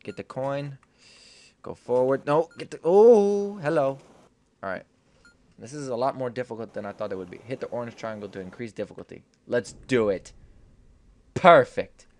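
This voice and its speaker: A man's voice: medium pitch, animated, moderate pace, warm tone, no room sound. A young man giving casual gameplay commentary, repeating short phrases to himself. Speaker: gaming video host.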